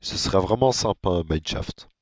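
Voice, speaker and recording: A man giving casual, monotone commentary on his own gameplay, with self-mocking asides. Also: low voice, brisk, no room sound, highs cut off. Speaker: gaming video creator.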